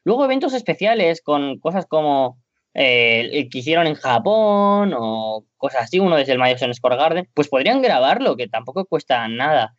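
A man's voice: a little high, sing-song, normal speed, dry recording, muffled recording. A man with a Spain Spanish accent co-hosting a wrestling podcast in casual chat, rambling at first and then ranting in exasperation. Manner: rambling, grows into an exasperated rant.

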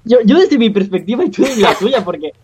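A man's voice: sits high, very animated, a little fast, darkish tone, husky, no echo. A young man co-hosting a chat, telling a story casually with laughter and swearing. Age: young adult. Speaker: podcast co-host.

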